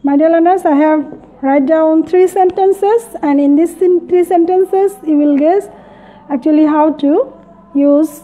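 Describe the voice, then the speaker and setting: A woman teaching an English grammar lesson, mixing English phrases into her explanations and slowly repeating words for her learners. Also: extremely high pitch, mellow. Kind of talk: classroom lesson. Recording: tinny phone-like audio.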